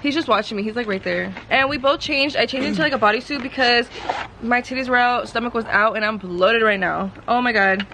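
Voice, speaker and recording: A woman of twenty-two, talking to her camera in a casual vlog, excitable and gushing, full of slang. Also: fairly high pitch, a little fast, slight background noise, low-quality recording. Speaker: vlogger.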